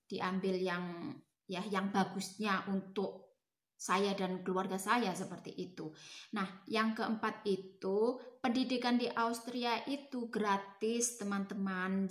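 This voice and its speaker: Chatty indonesian-born woman vlogging while cooking, kinda high voice, echoey kitchen. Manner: chatty, often tags phrases with "ya, teman-teman". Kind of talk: casual vlog chat while cooking. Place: home kitchen.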